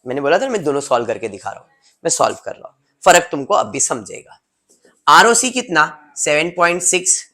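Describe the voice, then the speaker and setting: A man's voice: fairly high pitch, sing-song, brisk, creaky, sharp tone. A male teacher gives a classroom lecture, explaining step by step and teasing students by name.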